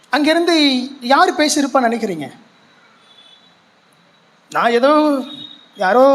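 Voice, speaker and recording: High-voiced pastor preaching in Tamil Nadu Tamil. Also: male voice. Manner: earnest storytelling with rhetorical questions and repetition. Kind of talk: sermon. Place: large church hall.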